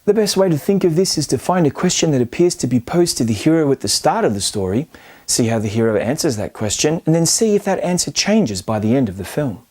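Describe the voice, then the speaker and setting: A film commentary host presents a scripted video essay in an emphatic, playfully argumentative, colloquial style. His voice is a little high, warm, and husky, and he speaks expressively at a slightly fast pace.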